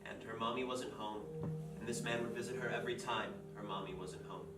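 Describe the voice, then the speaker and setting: A man playing a grim, measured teller of dark tales. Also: lowish voice, fairly even intonation, lightly acted. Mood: somber storytelling. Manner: measured, dark, deliberate storytelling. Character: grim storyteller telling a dark fairy tale. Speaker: actor playing Katurian. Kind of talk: stage play storytelling. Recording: echoey stage from far off, with music.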